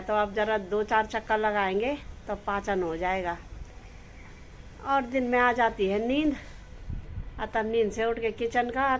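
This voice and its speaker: A middle-aged woman chatting casually to viewers in a home vlog from her kitchen and rooftop, loudly scolding her dog at times. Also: mid-range voice, a little hiss or hum, low-quality recording. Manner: chatty, addresses viewers as friends. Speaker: vlogger.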